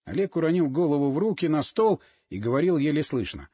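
A man narrating an audiobook in an expressive, measured storytelling manner. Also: on the high side, breathy edge, no room sound, studio quality.

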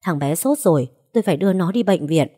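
A woman's voice: fairly low pitch, lively intonation, fast, dark tone. A woman voicing a frantic, tearful old grandmother who pleads and coaxes. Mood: urgent.

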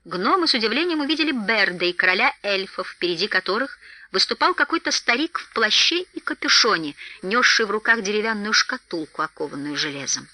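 A woman narrating an audiobook in an expressive storytelling manner. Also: mid-range voice, brisk, dry recording. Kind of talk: scripted narration.

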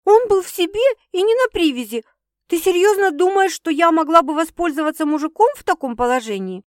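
A woman's voice: sits high, lively intonation, normal speed, darkish tone, dry recording, studio quality, pitched above the performer's own voice. A woman voicing Sasha, a sardonic flustered young woman. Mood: rattled. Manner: exasperated, sardonic retorts with profanity.

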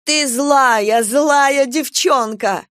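A shrill, accusing stepmother flies into hysterics, as a woman narrator puts her on. The voice runs high and loud, dry and close. She spits out every word. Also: moderate pace, no echo, close to an everyday voice. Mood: furious. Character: sharp hysterical stepmother, woman, middle-aged.

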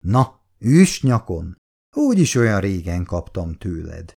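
A man's voice: low voice, very animated, vocal fry, warm tone, full character voice. A man voicing a young adult son who playfully teases and soothes his mother. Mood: playful soothing.

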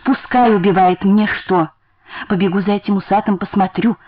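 A woman's voice: mid-range voice, fairly even intonation, normal speed, phone-quality sound, close to an everyday voice. A woman voicing a pitying older landlady, anxious and sighing.

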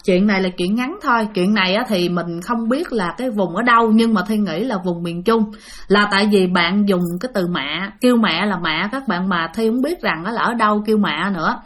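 A woman's voice: mid-range voice, brisk. A woman, chatting her way through spooky stories with plenty of fillers. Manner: chatty and animated, with many fillers. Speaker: storyteller. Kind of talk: spoken ghost-story narration.

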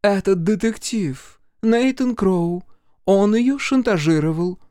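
A man's voice: sits high, expressive, slow pace, a little mellow, clean tone, no room sound, studio quality, voice pushed up. A man reading a story aloud, voicing a domineering middle-aged mother who speaks curtly and imperiously. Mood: indignant. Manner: curt, imperious, clipped.

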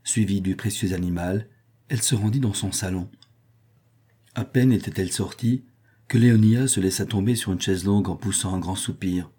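A man reading a historical novel aloud as narrator, in a measured, even manner. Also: lowish voice, husky. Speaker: audiobook reader.

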